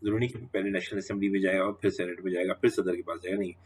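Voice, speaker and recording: Guy teaching a law class, kinda husky and low, keeps asking the class questions. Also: fairly even intonation, very fast. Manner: explains step by step, repeats questions to the class. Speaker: law lecturer. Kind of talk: classroom lecture.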